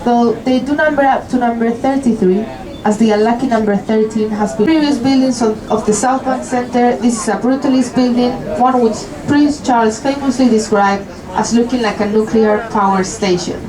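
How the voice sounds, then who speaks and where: A young Spanish woman with a Spanish accent and a fairly high voice gives live commentary as a tour guide on a river cruise boat. She talks at a normal speed, friendly and lightly joking, over crowd noise in a low-quality recording.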